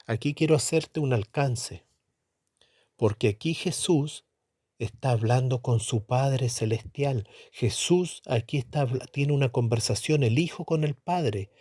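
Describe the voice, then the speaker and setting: A man's voice: mid-range voice, measured pace, warm tone, husky, no room sound, studio quality. A middle-aged man preaching a Bible teaching sermon, emphatic, asking questions and answering them himself. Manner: emphatic, asks and answers his own questions; repeats tag question "¿no es cierto?".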